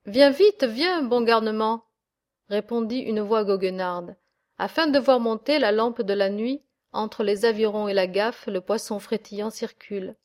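A woman's voice: mid-range voice, normal speed, a little mellow, lightly acted. A woman voicing a mocking male boatman who urges a traveller aboard. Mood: jeering. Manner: mocking, urging.

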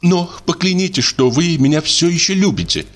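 Audiobook: tearful clingy young woman, put on by a male reader, high and pleading. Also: moderate pace, close to an everyday voice. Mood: sobbing. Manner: sobbing, pleading high-pitched delivery. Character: young woman, tearful, needy and self-pitying.

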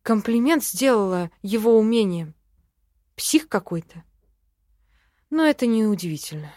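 A woman narrating a fantasy novel in first person, wry and expressive. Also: mid-range voice, unhurried, no room sound, clean studio sound. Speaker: audiobook narrator.

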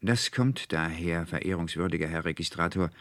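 A man voicing a young male student who talks in an excited, rhapsodic way in a read-aloud story. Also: low voice, moderate pace, dry recording. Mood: rapturous.

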